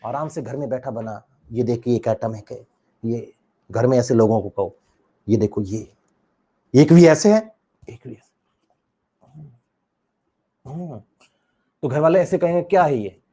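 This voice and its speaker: A male chemistry teacher lecturing with lots of energy. His voice is mellow and warm, and it swings from loud, excited bursts to low, muttered asides. He often slips into acting out what his students say. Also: a little slow, long pauses, breathy edge. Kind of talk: animated classroom lecture.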